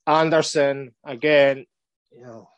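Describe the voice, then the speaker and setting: A man co-hosting a casual fantasy football podcast, giving measured advice with frequent hesitations. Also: on the high side, flat delivery, clear, resonant tone, no room sound. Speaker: podcast co-host.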